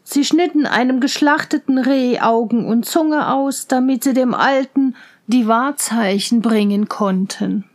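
A woman reading a fairy tale aloud in a slow, soft, partly whispered narration. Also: on the high side. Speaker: storyteller.

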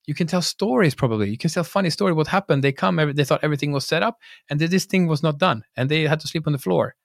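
Fast-talking man, dry close sound. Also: fairly high pitch, gravelly, no echo. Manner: quick, animated, chatty advice-giving. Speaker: podcast host. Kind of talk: casual podcast interview.

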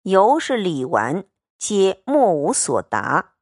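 A woman reads a classic novel aloud at an unhurried pace, her voice rising and falling with lively melody. The sound is dry and close, with no room around it. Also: medium pitch, no echo. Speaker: narrator. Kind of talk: classic novel audiobook reading.

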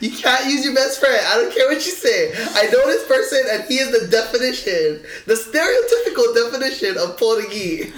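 This woman has a local Hawaiian accent and a very expressive, up-and-down delivery. She chats casually and colloquially as a podcast co-host, with a teasing manner. The room adds noticeable echo. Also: on the high side, a little fast, few pauses. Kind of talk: casual chat. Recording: roomy echo.

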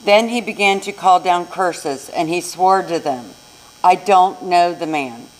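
At a church service, an American woman with a lowish voice narrates scripture at a measured pace, heard through a low-quality live recording.

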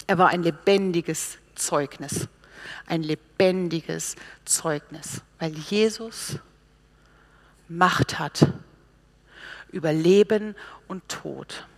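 A woman preaching a sermon, telling stories and acting out the people she quotes with lively pauses and hesitations. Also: on the low side. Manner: lively storytelling, animated quoting of others, with pauses and hesitations.

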